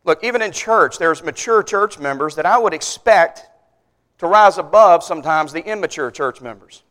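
A man, a pastor preaching a sermon, telling stories with big loud peaks and then dropping low to drive a point home. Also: moderate pace, big-room sound. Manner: animated storyteller, rising loud on punchlines, then dropping low.

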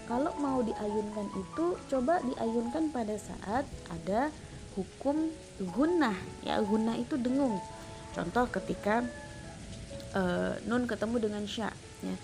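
Woman, recitation teacher, patient demonstrations, gravelly, clear background music. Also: on the high side, measured pace. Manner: patient, demonstrates sounds by repeating them. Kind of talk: tajwid lesson with spoken demonstrations.

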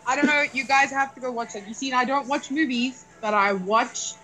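Emphatic higher-voiced woman bantering. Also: brisk, pushed and bright, faint music behind, poor audio. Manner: emphatic, repeats phrases in mock protest. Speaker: show co-host. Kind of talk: casual chat show banter.

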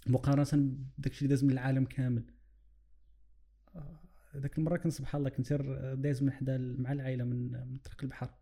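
Rapid-fire and gravelly yet mellow, this man's medium-pitched voice shows little pitch movement as he reflects on religion in conversation. He has a Moroccan Arabic accent, offers examples, and mixes in English phrases.

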